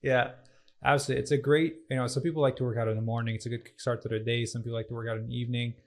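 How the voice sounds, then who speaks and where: A man's voice: medium pitch, level tone. A man hosting a fitness podcast, chatting casually and asking his guest questions. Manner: fast, rambling, fillers and restarts. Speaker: podcast host, fitness coach. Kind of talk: casual interview chat.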